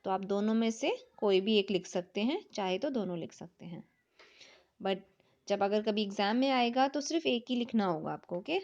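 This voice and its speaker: A woman's voice: mid-range voice, lively intonation, moderate pace, a little mellow. A woman teaching young children, mixing Hindi and English, spelling words letter by letter and checking often that the class follows. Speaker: primary school teacher. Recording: dull lo-fi recording.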